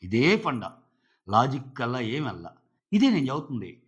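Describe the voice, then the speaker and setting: A man's voice: medium pitch, big pitch swings, normal speed, dull audio. A man giving an opinionated, casual spoken review of a reality show, talking in a chatty way and dropping in English phrases.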